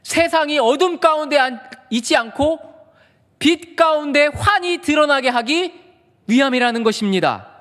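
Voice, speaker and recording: Male pastor, very high voice, sermon with call-and-answer questions, long church reverb. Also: animated, normal speed, a bit bright. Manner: asks the congregation questions and answers them himself. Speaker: senior pastor. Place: large church sanctuary.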